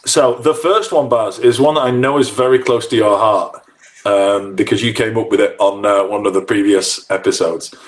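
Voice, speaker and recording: A man's voice: on the low side, fairly even intonation, normal speed. A man hosting a casual podcast, bantering in a teasing, gloating, jokey way. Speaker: podcast host.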